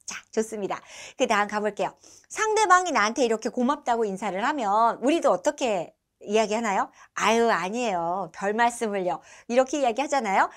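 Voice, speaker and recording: A woman teaching an online language lesson, modeling each phrase clearly and praising her learners as they repeat after her. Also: a little high. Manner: clear, encouraging, models phrases slowly for repetition.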